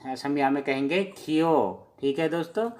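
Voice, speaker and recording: A man teaching the alphabet slowly, pausing often with fillers as he writes. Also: fairly high pitch, darkish tone. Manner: slow, halting, many pauses and fillers. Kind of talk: handwritten alphabet lesson.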